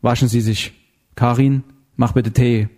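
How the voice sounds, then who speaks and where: A man reading an audiobook voices a stern, angry husband who talks in gruff commands. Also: mid-range voice, flat delivery, unhurried, a little mellow, close to an everyday voice. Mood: curt.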